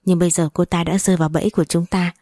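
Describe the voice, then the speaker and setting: A woman's voice: fairly low pitch, little pitch movement, very fast, mellow, no echo, clean studio sound. A woman reading the lines of a scheming, fawning older woman in a storybook novel.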